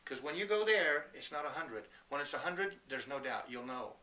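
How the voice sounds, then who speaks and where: A man's voice: medium pitch, expressive, normal speed, pushed and bright, far from the mic, low-quality recording. A man giving an earnest, emphatic motivational talk, telling stories and acting out the people in them. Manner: earnest, emphatic, storytelling with quoted voices. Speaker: motivational speaker.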